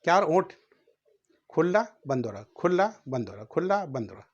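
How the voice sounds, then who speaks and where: A man's voice: on the high side, sing-song, normal speed, slightly rough, muffled recording. A man teaching a grammar lesson, sounding out letters one at a time and asking questions he then answers himself.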